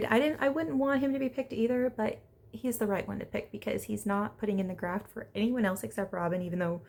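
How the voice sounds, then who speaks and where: A woman talks through a reality dating show episode in a loose, opinionated recap. She speaks at a middle pitch with a noticeable gravelly fry, and she strings her thoughts together with lots of casual "like"s. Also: a little mellow. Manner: chatty, opinionated, lots of "like" fillers. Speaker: reality TV reviewer.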